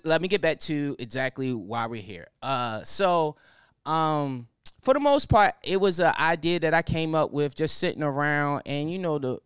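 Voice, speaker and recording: A young man hosting a podcast in an excited, loose style, swearing freely and leaning on fillers. His voice sits a little high and sounds smooth and crisp. The recording is dry and close. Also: dry recording. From Baltimore County, Maryland. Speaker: podcast host. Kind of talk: casual podcast chat.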